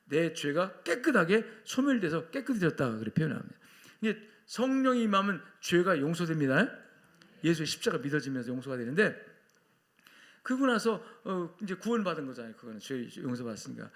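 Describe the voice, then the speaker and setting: Emphatic preaching man, slightly high voice. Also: very animated, fairly quick, fairly bright tone. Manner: emphatic preaching, calls for repeat-after-me; acts out quoted voices. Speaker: pastor. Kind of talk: Sunday sermon.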